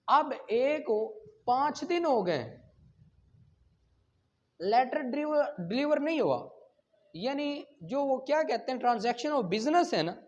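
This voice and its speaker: A very high-pitched, slightly mellow male voice with a Pakistani accent delivers an explanatory law lecture. He reads statutes aloud, explains them, asks rhetorical questions, and checks that students are following. The audio is dull and lo-fi.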